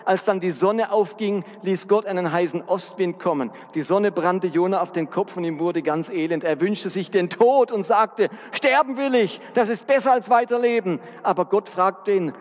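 A man's voice: sits high, moderate pace, few pauses, darkish tone. A man preaching a sermon, earnest and speaking directly to his congregation. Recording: dull recording with long hall reverb.

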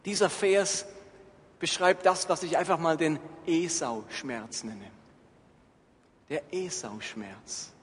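A man's voice: fairly high pitch, animated, a little slow, breathy edge. A male pastor giving an earnest sermon and reading scripture aloud. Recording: echoey hall, faint ambience.

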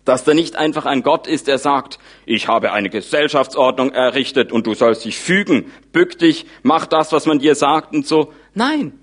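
A man preaching with lively storytelling. He rises to loud peaks and sinks to quiet, intimate asides. His pitch sits in a middle range for a man. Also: normal speed, few pauses. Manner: lively storytelling, voices characters' thoughts informally; animated, wide swings in loudness. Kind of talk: sermon.

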